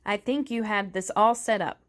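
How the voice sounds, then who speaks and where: A woman's voice: medium pitch, moderate pace, fairly bright tone, lightly acted. A woman reading aloud, voicing a menacing grown male slave hunter who demands and snarls. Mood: snarling.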